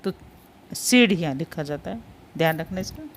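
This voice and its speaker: A woman's voice: deep voice, animated, normal speed, slight background noise. A woman teaching a Hindi spelling lesson. She says each word, repeats it, and patiently points out which ones are important.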